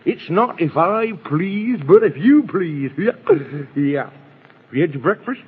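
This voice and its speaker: A man's voice: sits high, lively intonation, measured pace, breathy edge, full character voice. An actor playing a fussy, scatterbrained, whimsical old Man in the Moon in a children's radio fantasy, stammering and repeating himself as he scolds. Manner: stammering, repetitive, muddled, comically scolding. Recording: muffled, tinny vintage radio recording.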